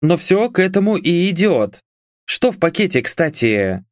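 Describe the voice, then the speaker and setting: A breezy, teasing young woman radio host, as a male audiobook reader puts her on, pitched clearly higher than his own voice. She stays unbothered and lively, bouncing around in pitch. The sound is dry and close. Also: unhurried, dry recording. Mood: innocent.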